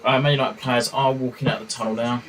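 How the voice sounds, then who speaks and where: A man's voice: mid-range voice, flat delivery, fast, background noise. A young man chatting casually on a football watchalong live stream, hesitant and full of fillers. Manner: rambling, hesitant, lots of fillers.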